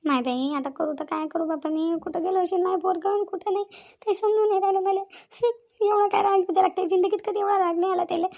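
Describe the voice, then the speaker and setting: A very high, thin voice belongs to a frantic young village bride in a cartoon, with a woman putting her on. She pleads and repeats herself, guilty and close to tears. The pitch sits far above an ordinary speaking voice. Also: fairly even intonation, fast talker, vocal fry, a little mellow. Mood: pleading. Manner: pleading, repetitive wailing. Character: anxious young village daughter-in-law, tearful, guilty. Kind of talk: cartoon voice acting.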